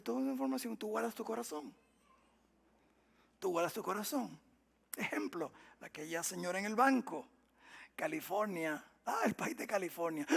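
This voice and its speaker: A male pastor preaching a sermon, asking the congregation questions and answering them himself, moving between loud emphatic lines and soft asides. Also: sits high, vocal fry, slightly rough. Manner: call-and-response questions to the congregation.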